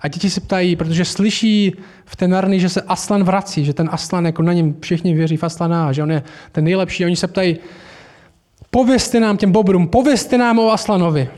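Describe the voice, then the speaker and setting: A man's voice: sits high, steady tone, a little mellow. A man preaching a sermon in church, speaking informally with frequent restarts. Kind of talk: sermon with storytelling.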